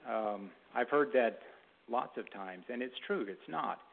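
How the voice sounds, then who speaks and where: Guy giving a sermon at church, kinda halting, clears his throat a lot, tinny phone-like audio. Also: mid-range voice, expressive. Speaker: preacher. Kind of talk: sermon with a read-aloud story.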